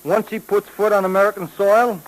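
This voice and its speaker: An actor playing a chatty, excitable male police sidekick in a 1940s radio drama, talking in a slangy way. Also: high-pitched, fairly quick, close to an everyday voice, rough recording. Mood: breezy. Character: breezy, eager young male sidekick cop. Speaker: police partner of the detective.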